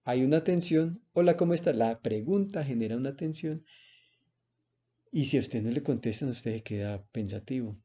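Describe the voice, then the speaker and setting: Male lecturer, very dark warm voice, seminar talk full of "eh" and "¿cierto?", slightly dull recording. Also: medium pitch, animated, normal speed. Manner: explains with spoken examples and frequent "¿cierto?" and "eh".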